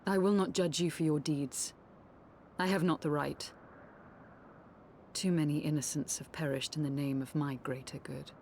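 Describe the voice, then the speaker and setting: An actress playing a solemn, remorseful idealist in a video game, speaking earnestly in formal, measured phrases. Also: female voice, low-pitched, fairly even intonation, a little mellow, slight background noise. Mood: somber, remorseful. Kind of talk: dramatic video game acting.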